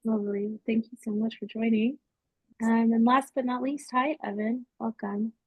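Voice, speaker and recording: A woman's voice: a little high, flat delivery, moderate pace, a little mellow, no room sound, low-quality recording. A woman moderating a film Q&A panel, introducing guests and asking questions in an encouraging way.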